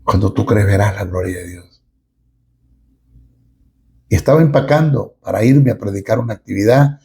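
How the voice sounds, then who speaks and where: A middle-aged man preaching a sermon as a pastor, emphatic and with dramatic pauses. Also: on the low side, vocal fry, darkish tone, breathy edge.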